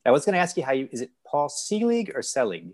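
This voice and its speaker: A man's voice: mid-range voice, rapid-fire. A man hosting a podcast interview, friendly and welcoming, with frequent "um" fillers. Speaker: podcast host.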